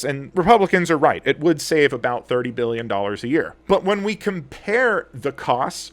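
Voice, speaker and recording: A man giving an earnest, animated explainer commentary as an attorney and commentator. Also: medium pitch. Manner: earnest, animated, gets heated.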